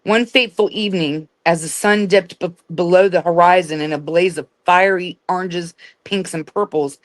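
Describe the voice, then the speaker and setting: A woman reading a dark fairy tale aloud as a storyteller, stumbling and restarting words now and then. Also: fairly low pitch, steady tone, normal speed, dry recording. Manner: reads with slips and restarts. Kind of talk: read-aloud storybook narration.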